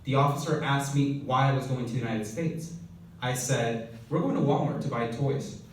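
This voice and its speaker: A man's voice: mid-range voice, normal speed. Young man speaking in a very echoey hall. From Honduras. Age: young adult. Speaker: keynote speaker. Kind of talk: prepared speech. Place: event hall. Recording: very echoey hall from far off, faint noise.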